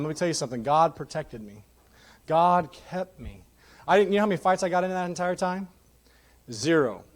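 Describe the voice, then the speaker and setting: A man in his thirties giving a candid, joking testimony sermon in a church. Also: a little high. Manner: candid, jokey, animated storytelling. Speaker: guest preacher. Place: church sanctuary.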